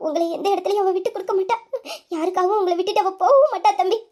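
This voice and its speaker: A high, quick, consoling woman's voice as a relative, urging a worried man to stay hopeful. Her delivery is encouraging and brisk. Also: mellow. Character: older family woman consoling a son-in-law.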